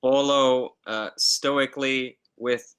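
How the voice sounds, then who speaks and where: A man playing a tabletop game, speaking in a measured, formal way. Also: medium pitch, steady tone, fairly bright tone, smooth. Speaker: player. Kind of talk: tabletop role-play.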